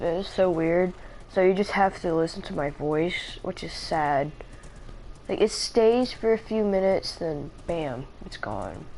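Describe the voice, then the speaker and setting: Tired woman streamer, slow, low-ish voice, rambling and hesitant, faint noise behind. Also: a little mellow, poor audio. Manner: hesitant, rambling, many fillers. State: sleepy and tired. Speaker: live streamer. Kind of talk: casual rambling live-stream chat.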